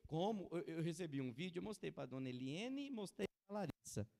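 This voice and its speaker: A man preaching a sermon as pastor, swinging from soft warnings to loud exclamations. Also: a little high, expressive, fairly quick, gravelly. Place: church hall with long reverb. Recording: church sermon with long hall reverb.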